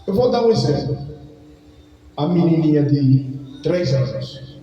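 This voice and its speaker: A pastor preaching a lively sermon to his congregation, swinging between loud calls and quiet asides. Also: on the high side, measured pace, lo-fi sound. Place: church hall. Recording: echoey hall, distant mic, faint music.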